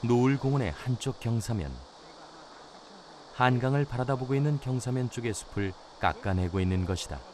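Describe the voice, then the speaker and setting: A man giving scripted nature documentary narration in a measured, solemn storytelling manner. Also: medium pitch, darkish tone, a little hiss or hum. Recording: music behind the voice. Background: background music.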